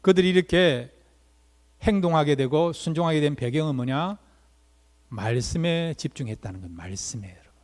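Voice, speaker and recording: A male pastor delivers a Sunday sermon in a fairly high voice, putting one rhetorical question after another to his congregation. His words ring out with a long reverb through the church hall. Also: lively intonation, moderate pace, a little mellow. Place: church sanctuary.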